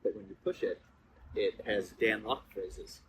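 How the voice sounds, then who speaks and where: A man speaks as a guest on a casual podcast with clear noise around him. He tells anecdotes playfully and likes to tease. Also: on the low side, sing-song, a little slow, fairly bright tone. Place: seated in an ice bath at a retreat. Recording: clearly noisy ambient background.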